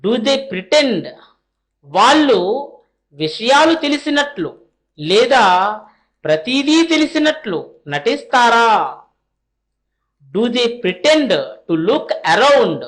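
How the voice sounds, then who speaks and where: In a fairly high, sing-song voice, a woman teaching spoken English works through short question drills. She reads them slowly with careful pauses, translating each one.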